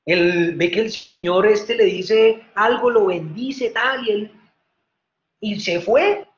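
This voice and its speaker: A male preacher tells a story to his congregation in an animated way, speaking straight to them. The audio is muffled and echoes through a large hall. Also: high-pitched, slow. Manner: animated storyteller, addresses audience directly. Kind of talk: storytelling sermon. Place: hall with microphones. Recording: roomy, dull hall audio.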